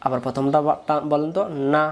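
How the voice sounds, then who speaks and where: A man's voice: on the high side, level tone, fast. Patient Bangladeshi man teaching Quran reading. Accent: Bangladeshi Bengali. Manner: patient, repetitive, drills syllables and asks pupils to repeat. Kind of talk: spoken lesson with call-and-repeat drills.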